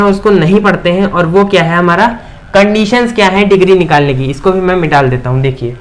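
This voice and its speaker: At a board, a high-pitched male teacher gives a maths lecture, putting questions to the class and answering them himself while often checking in with "theek".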